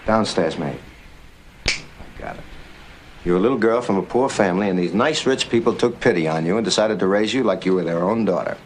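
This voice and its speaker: In this low-quality 1950s film soundtrack with music behind him, an actor plays a weary male burlesque comic trading dry, self-mocking wisecracks. His voice is lowish, a touch fast and close to everyday speech, with a little hiss or hum. The mood is wry.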